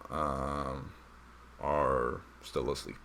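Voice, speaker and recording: A man's voice: extremely low pitch, steady tone, extremely slow, fairly bright tone, slight background noise. A young man narrating as dungeon master, with a hesitant manner full of fillers. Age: young adult. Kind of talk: narrating a tabletop game.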